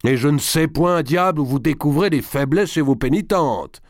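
A man's voice: lively intonation, moderate pace, vocal fry, darkish tone, no echo, clean studio sound, heavily acted. Man doing a domineering scheming nobleman. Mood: barking angry. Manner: coaxing when low, barking orders when angry. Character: scheming arrogant nobleman, domineering, quick to rage. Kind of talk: audiobook character voice.

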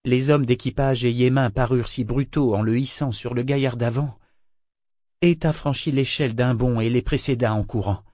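A man narrating a fantasy novel in a steady, measured way. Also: mid-range voice, dry recording, clean studio sound. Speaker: audiobook narrator. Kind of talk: dramatic audiobook narration.

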